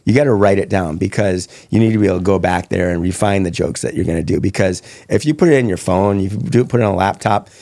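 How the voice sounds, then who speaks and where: A man's voice: sits low, quick pace, vocal fry, few pauses, mellow, no room sound, clean studio sound. A man who teaches comedy, chatting casually in a podcast conversation and rambling through his stories. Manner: chatty storyteller, loose and rambling.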